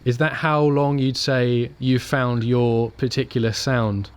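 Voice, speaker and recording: A man hosts an interview, opening with a scripted introduction and then keeping his turns brief. His voice sits at a middle pitch, with faint noise behind him. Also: steady tone, measured pace. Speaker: interview host. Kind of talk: interview hosting.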